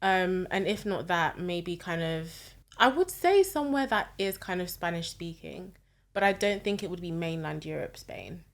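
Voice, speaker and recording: A woman's voice: lowish voice, normal speed. Laid-back woman in her twenties. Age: 20s. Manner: relaxed, chatty, laughs easily. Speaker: podcast co-host. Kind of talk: casual chat.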